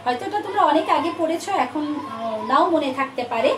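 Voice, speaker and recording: A woman's voice: sits high, expressive, fairly quick. A woman English teacher with a Bangladeshi accent in English, giving an online class, mixing English into her talk and calling students dear, with frequent filler sounds. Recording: echoey room, distant mic, faint noise.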